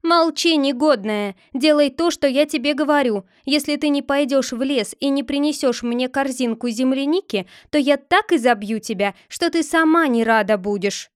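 Woman putting on a spiteful bossy sister, contemptuous, high, storybook, dry sound. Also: expressive, normal speed, few pauses, dry recording. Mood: furious. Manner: contemptuous, shouting.

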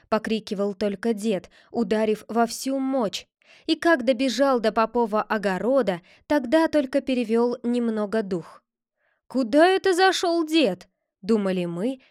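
A woman narrating a classic tale in a lively, expressive storytelling reading. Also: fairly high pitch, normal speed, no echo, clean studio sound.

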